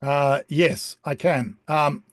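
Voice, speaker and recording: Guy teaching a beginners class over zoom, kinda high voice, dry sound, lots of ums. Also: slow pace, no room sound. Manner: relaxed, chatty, frequent ums. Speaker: online course presenter. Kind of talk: casual explanatory talk on a video call. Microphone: video call.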